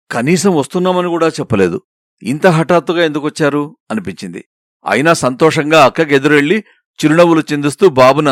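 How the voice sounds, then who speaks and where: A man reading a story aloud as narrator, in an expressive, emotive storytelling manner. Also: fairly high pitch, no echo, studio quality. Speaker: story reader.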